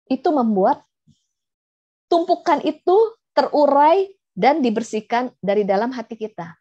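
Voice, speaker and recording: A woman's voice: sits high, dark tone. A woman pastor giving a chatty teaching sermon over a video call, explaining with everyday examples. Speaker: pastor and counselor. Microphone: video call microphone. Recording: slightly dull video call audio.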